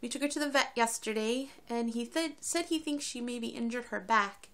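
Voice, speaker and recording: A woman vlogger chatting casually to camera in a rambling, quick way, full of fillers, as she keeps a daily diet diary. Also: on the high side, fairly bright tone.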